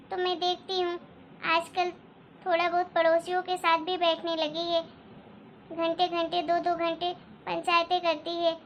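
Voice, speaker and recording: A woman's voice: extremely high pitch, a bit bright, a little hiss or hum, exaggerated voice. A woman voicing a sensible elder daughter-in-law who reassures and soothes in a cartoon story. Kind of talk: Hindi cartoon story dialogue.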